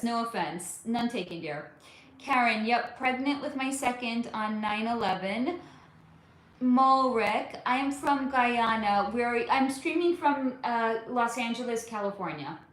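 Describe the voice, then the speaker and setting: A woman in her forties, a spiritual reader chatting on a live stream, reading viewer comments aloud in a chatty, animated way with casual swearing. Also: on the high side, roomy sound. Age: 40s.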